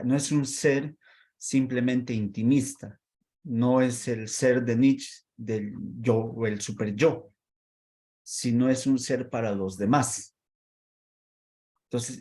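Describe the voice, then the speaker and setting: Man lecturing slowly, full of pauses. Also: medium pitch, warm tone. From Peru. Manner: unhurried, many pauses and fillers, rhetorical questions. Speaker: catechism teacher. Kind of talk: online class lecture.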